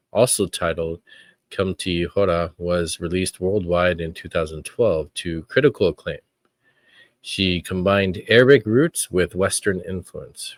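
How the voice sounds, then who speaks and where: A man hosting his own podcast, talking in an earnest, reflective way with frequent pauses. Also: low-pitched, no room sound. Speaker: podcast host. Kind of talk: casual podcast commentary.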